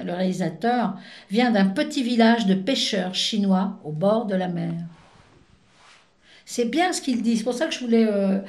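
A woman's voice: medium pitch, a little mellow, reverberant. A woman presenting films on the radio in a playful, chatty, teasing way. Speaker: radio film columnist. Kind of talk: casual radio chat.

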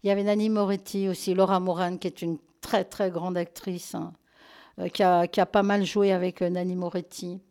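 Presenting new film releases in a casual radio-style chat, a woman speaks with a fairly low, warm voice, a flat delivery, and a slightly fast pace. She's chatty and affectionate with her listeners, frequently filling pauses and correcting herself.

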